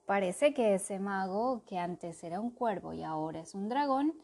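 A woman reading a children's storybook aloud, narrating in an expressive way. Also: mid-range voice, moderate pace. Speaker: storybook reader.

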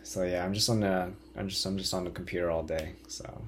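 A man's voice: sits low, fairly even intonation, fairly quick, a little hiss or hum. Hesitant laid-back young man. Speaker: podcast guest. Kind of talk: casual chat.

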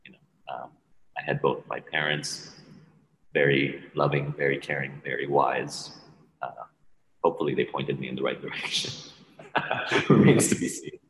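A man who grew up in Hong Kong, a podcast guest chatting casually and relaxed, laughing often between phrases. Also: extremely low pitch, moderate pace, long pauses. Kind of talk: casual chat. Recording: roomy with long reverb.

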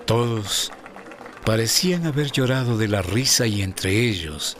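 A man's voice: lowish voice, lively intonation, unhurried, a bit bright, slight background noise. A man narrating a historical audio drama as a storyteller, reading scripted prose.

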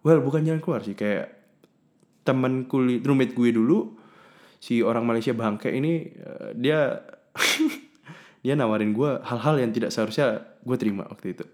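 A man's voice: medium pitch, normal speed. Young man, candid confessional storyteller, curses a lot, blends in English words. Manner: candid, slangy, cursing, mixing in English words; swings between loud bursts and mumbled asides. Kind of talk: casual personal story, talking to the listener.

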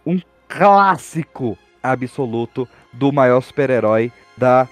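A man's voice: mid-range voice, expressive, slow pace, no echo, soft background music. A young man with a Brazilian accent, talking casually and animatedly as a podcast guest, with slangy informal phrasing. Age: young adult.

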